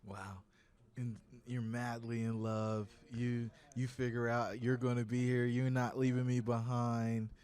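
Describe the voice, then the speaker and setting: A man's voice: mid-range voice, little pitch movement, measured pace, darkish tone, clear, resonant tone. A man hosting a podcast interview, with a teasing, joking way of talking. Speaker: podcast host. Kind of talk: casual interview talk.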